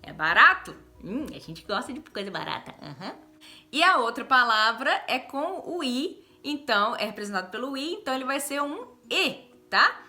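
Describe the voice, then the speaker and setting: A woman's voice: high voice, big pitch swings, moderate pace, pushed and bright, soft background music. A Brazilian woman teaching English pronunciation in Brazilian Portuguese, exaggerating and stretching each vowel as she demonstrates it. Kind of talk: pronunciation lesson.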